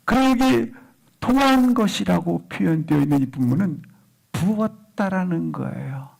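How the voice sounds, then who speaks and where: A male pastor preaching a Sunday sermon. He leans hard on key words, drawing them out slowly, then lets phrase endings drop almost to a whisper. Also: sits high, animated, vocal fry. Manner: swings between loud emphatic stresses and phrase endings dropped to a whisper; slow, drawn-out stress on key words.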